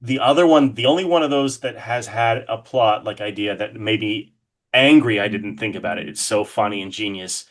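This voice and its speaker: This podcast guest, a horror artist, talks casually and excitedly about horror films, not shy about swearing. He has a lowish voice and speaks at normal speed.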